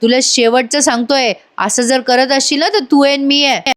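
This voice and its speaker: A woman voicing a strict elderly father-in-law who speaks in a gruff, commanding way. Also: sits high, fairly even intonation, normal speed, pitched above the performer's own voice, lightly acted. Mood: stern.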